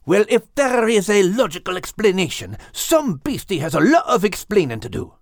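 A man's voice: sits high, very animated, moderate pace, no echo, studio quality, pitched above the performer's own voice, full character voice. A man doing a growly Scots-grumbling beast. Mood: huffy. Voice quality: growly, gravelly. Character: gruff grumbling male animal, easily riled.

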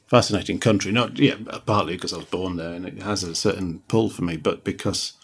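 A man's voice: sits low, a little fast, gravelly, breathy edge. A man around sixty, born in Liberia, reading a short story to a writing group and chatting hesitantly. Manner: hesitant, repeats words when unsure. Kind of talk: reading aloud and casual chat.

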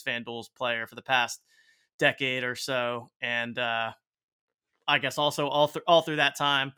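Bright, clear man chatting haltingly. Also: medium pitch. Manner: halting, repeats words while thinking. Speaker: podcast guest, startup co-founder. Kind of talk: casual interview chat.

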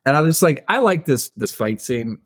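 A man's voice: medium pitch, sing-song, moderate pace, husky. A man co-hosting a book podcast, casually retelling scenes, reading quotes aloud and laughing often.

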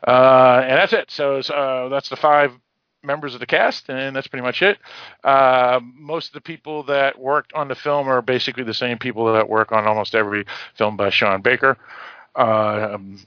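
A man with a Boston accent talks in a dull, dry lo-fi recording. He hosts a film discussion in a halting, informal way, padding his sentences with lots of hesitant filler sounds. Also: mid-range voice, no echo. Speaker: film podcast host. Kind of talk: informal film discussion, semi-prepared introduction. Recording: dull, lo-fi audio.

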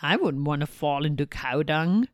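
A woman's voice: sits low, lively intonation, moderate pace, no room sound, clean studio sound, voice pushed down. A woman voicing an eager, bouncy young squirrel in a storybook reading, in a pleading way. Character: bouncy thirteen-year-old squirrel, eager.

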